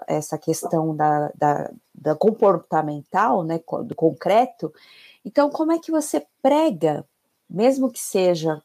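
A woman's voice: lowish voice, warm tone. A woman moderating a church panel, asking questions with many hesitations and repeated words.

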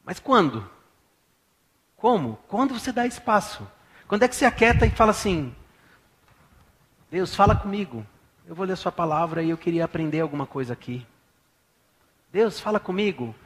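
Lively preaching man, high-pitched voice. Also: fairly quick. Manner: lively preaching, swings from hushed to loud, acts out dialogue. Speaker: pastor. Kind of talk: sermon. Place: church.

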